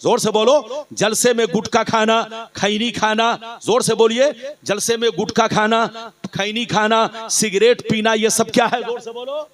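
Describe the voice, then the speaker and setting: Very high-voiced fiery preacher man. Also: steady tone, a little slow. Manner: exhorting, repeatedly urging the crowd to shout back; chants Arabic hadith in a sing-song recitation. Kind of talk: fiery sermon to a live crowd. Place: religious conference stage before a crowd. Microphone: stage microphone.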